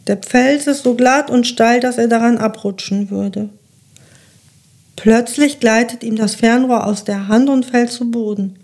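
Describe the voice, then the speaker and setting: A woman narrating a children's fairy tale in a calm, measured reading voice. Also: a little high. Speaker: storyteller.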